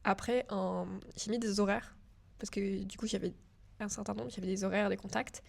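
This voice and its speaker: A woman's voice: medium pitch, fairly even intonation, normal speed, vocal fry, a little mellow. Chatty young French woman, nervous. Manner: chatty, filler-heavy, addresses the viewer as tu. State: a bit nervous. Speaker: digital school student. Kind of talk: casual screen-share walkthrough.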